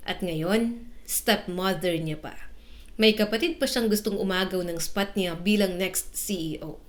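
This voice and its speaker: A woman telling a romance drama story in scripted, steady narration. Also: mid-range voice, unhurried.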